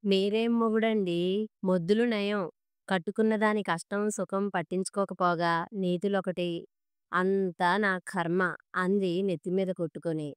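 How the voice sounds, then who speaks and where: A sharp-tongued middle-aged wife needles and scolds with sarcasm in a spoken storybook, voiced by a woman reading the tale. Her voice is very clear and smooth. The sound is dry and close. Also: medium pitch, fairly even intonation, normal speed, no echo, natural voice. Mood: scolding. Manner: sarcastic and cutting.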